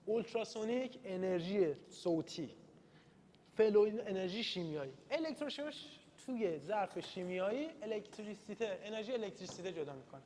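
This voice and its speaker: A man's voice: sits high, expressive, mellow. A male university lecturer giving an informal, chatty, self-deprecating study-session lecture in a classroom. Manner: chatty and self-deprecating, mixing in read-out English terms. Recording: reverberant room, faint background noise.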